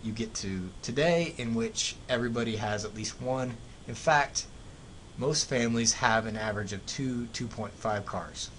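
This American-accented man explains economics as a teacher would, drawing on everyday examples in a lecture set to slides. He speaks at a moderate pace with a fairly bright tone, over clear background noise and a low rumble.

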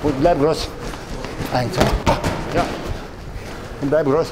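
A middle-aged man coaches pad drills in a large indoor boxing gym, calling out short counts and commands in a slightly high, fairly even voice at a slow pace. A camera picks him up from a distance, amid gym noise and loud thuds.

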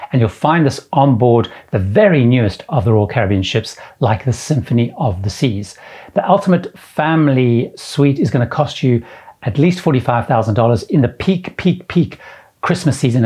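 Touring suites for his cruise travel vlog, a middle-aged man speaks to camera, eagerly rattling off features and leaning on superlatives again and again. His voice is mid-range, a little mellow, and breathy at the edges. Framed ship posters hang in the indoor room; he wears a lapel mic and is shot from the chest up.

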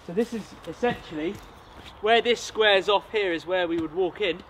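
A man's voice: high-pitched, moderate pace, fairly bright tone, slight background noise. A man in his thirties hosting an outdoor bushcraft vlog, explaining the build with enthusiasm as he works in a forest. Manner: enthusiastic, explains while working. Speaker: bushcraft channel host. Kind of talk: casual outdoor vlog talk. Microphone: camera mic, sometimes far off.

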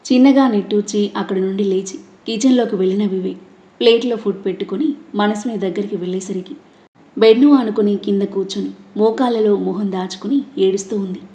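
Brief: woman audiobook narrator, dramatic and steady, mellow tone, echoey room. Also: mid-range voice. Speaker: story narrator. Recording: roomy echo.

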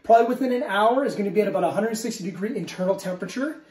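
Middle-aged man, home cooking host, fairly high voice, easygoing instructions, echoey kitchen, camera mic at a distance. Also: very fast, a little mellow. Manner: easygoing step-by-step instructions, often checks in with okay. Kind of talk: casual cooking demonstration.

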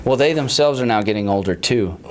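A man's voice: mid-range voice, animated, a little fast, darkish tone, slight background noise. A young man co-hosting a casual podcast chat, joking and teasing. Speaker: co-host.

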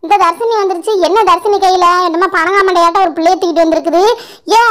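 A woman plays a bossy village grandmother in a doll show, complaining and scolding nonstop. The voice sits very high and shrill. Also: steady tone, fast talker, a bit bright.

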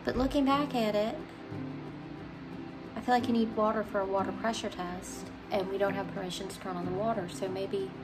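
A woman's voice: mid-range voice, steady tone, a little fast, music in the background. A woman vlogging her house renovation, talking through her doubts in an uncertain, worried way. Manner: uncertain, worried thinking aloud. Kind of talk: casual vlog narration.

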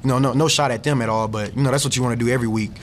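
A man's voice: mid-range voice, steady tone, rapid-fire, noisy background. A young man, a defensive football player, answering questions casually at a post-game press conference, full of "you know.". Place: press room, seated at table. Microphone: table mic.

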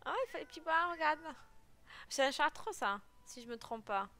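A woman's voice: high voice, lively intonation, normal speed, sharp tone. A woman giggling and chatting casually as she comments on her game, now and then meowing playfully. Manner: giggly, chatty, exclaims often; plays with cute meows. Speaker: let's play gamer.

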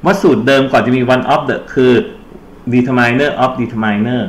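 An English tutor leads a grammar lesson for exam preparation, explaining step by step and quizzing his students with prompts. He speaks slowly in a medium-pitched voice.

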